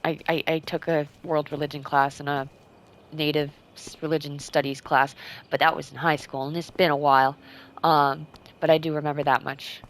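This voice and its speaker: Low-voiced woman doing gameplay commentary. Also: level tone, moderate pace. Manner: opinionated, chatty asides. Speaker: gamer, let's-player.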